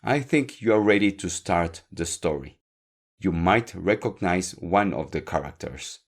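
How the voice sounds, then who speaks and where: A man teaching a podcast Spanish lesson, speaking slowly and clearly, repeating words for learners and encouraging them. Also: low voice, animated.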